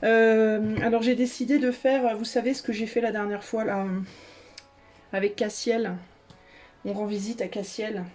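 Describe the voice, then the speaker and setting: A woman's voice: a little high, flat delivery, moderate pace, darkish tone, soft background music. A woman giving a casual tarot reading to her viewers, chatty and playful, with many hesitations and restarts. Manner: playful, laughing often. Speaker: tarot reader. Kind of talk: casual video chat.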